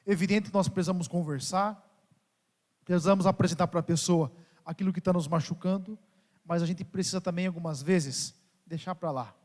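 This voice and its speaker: Brazilian priest joking in a homily. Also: male voice, high-pitched, steady tone, moderate pace, a little mellow. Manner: humorous storytelling, addresses the congregation as "gente". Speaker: parish priest. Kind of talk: homily at Mass. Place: large church. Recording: long church reverb.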